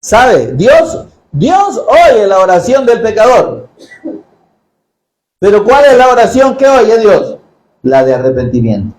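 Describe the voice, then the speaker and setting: A man preaching a sermon in a church, jokey and animated, often asking the congregation questions. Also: high voice, takes it slowly, long pauses, echoey room, poor audio.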